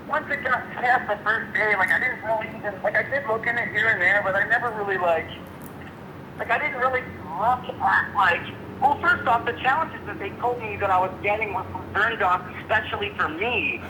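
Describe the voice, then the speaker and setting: A man's voice: sits high, animated, normal speed. A man talking over a phone on speakerphone, casual and swearing, calling people "dude". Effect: heard over a phone on speakerphone. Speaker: friend on a phone call. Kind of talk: casual chat. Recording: echoey noisy speakerphone call.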